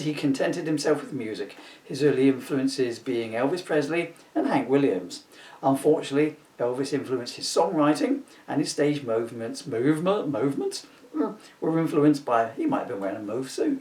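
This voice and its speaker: A man's voice: a little high, a little mellow. A man giving a comic scripted reading with wry, self-mocking asides. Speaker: author reading his own script. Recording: roomy echo, distant mic.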